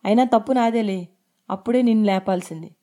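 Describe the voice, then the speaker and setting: A woman's voice: mid-range voice, fairly quick, mellow, natural voice. A woman voicing a hurt young wife, tearful and grieving. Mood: sorrowful.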